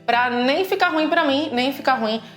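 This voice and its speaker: A Brazilian woman with a Brazilian Portuguese accent, explaining customs in a casual video lesson with lively examples. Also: high-pitched, normal speed. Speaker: language teacher and co-host. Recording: echoey room with faint music.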